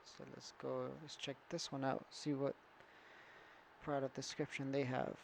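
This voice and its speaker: A man's voice: mid-range voice, level tone, unhurried, vocal fry, slight background noise, low-quality recording. A man walking through an online store setup in a casual screen-recorded tutorial, thinking aloud with fillers and restarts. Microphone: computer setup with screen recorder and camera.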